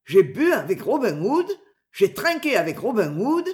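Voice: mid-range voice, sing-song, a little slow. A reader voicing an angry, blustering middle-aged tinker who has been robbed, in an audiobook. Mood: outraged. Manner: loud, blustering, complaining. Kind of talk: audiobook character voice.

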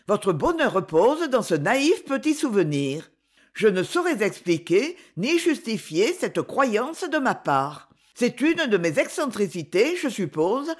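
A woman reading aloud voices an earnest, eccentric lady who speaks with fervent, pleading intensity. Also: mid-range voice. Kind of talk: audiobook character voice.

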